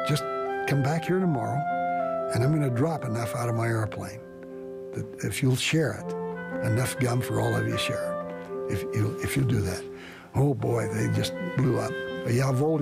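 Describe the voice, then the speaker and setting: An older man recounting his own wartime experience as a pilot, earnest and halting, with frequent restarts. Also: mid-range voice, gravelly. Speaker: veteran pilot telling a story. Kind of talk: storytelling, archival recording.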